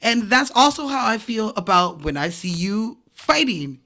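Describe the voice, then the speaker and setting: A woman co-hosts a casual podcast chat, brash and profane, often breaking into laughter. Her voice is bright and sits at a medium pitch. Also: sing-song, measured pace. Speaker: podcast co-host.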